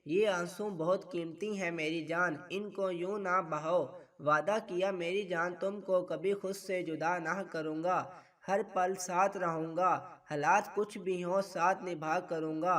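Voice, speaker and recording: A gentle romantic young husband, tender and poetic, high voice, as a male reader does him. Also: fairly even intonation, measured pace, distant mic.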